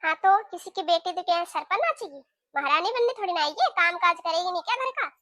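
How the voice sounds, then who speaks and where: A woman voicing a sharp-tongued, nagging middle-aged mother-in-law in a cartoon, talking in a scolding, taunting way. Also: very high-pitched, lively intonation, fast, dry recording, clean studio sound, full character voice. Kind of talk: cartoon voice acting.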